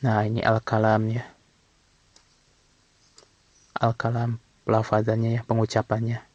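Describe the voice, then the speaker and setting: A man teaching from an Arabic textbook in a casual way, reading phrases slowly and then explaining them quickly. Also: fairly low pitch, completely flat delivery, a little mellow, no room sound. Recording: dull, slightly lo-fi sound.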